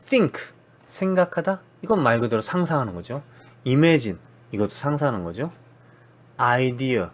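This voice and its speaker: A man from South Korea giving a casual spoken English lesson, slowly drawing out English words to demonstrate them, chatty and blunt. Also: mid-range voice. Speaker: English teacher.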